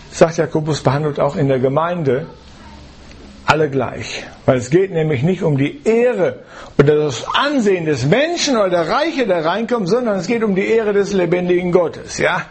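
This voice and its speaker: Male preacher, husky and slightly high, in a church, teaching through rhetorical questions. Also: animated, normal speed. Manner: explains with rhetorical questions and tag "ja?". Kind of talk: sermon with Bible reading.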